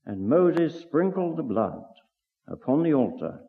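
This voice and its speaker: A man giving a solemn, measured scripture reading at a religious meeting, heard on an old tape recording made in a meeting hall. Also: fairly high pitch, big pitch swings, vocal fry. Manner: measured, declaiming delivery. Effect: old 1963 tape recording. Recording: tinny old recording, long hall reverb.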